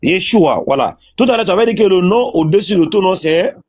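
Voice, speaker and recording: A man's voice: high-pitched, lively intonation, brisk, darkish tone. A man in a religious debate, insistently repeating his questions.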